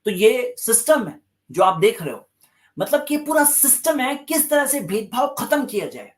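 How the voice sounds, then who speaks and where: Emphatic male religious lecturer, lively pitch. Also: normal speed. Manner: emphatic, repeats key phrases for stress; mixes English terms into Hindi speech. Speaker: Islamic lecturer.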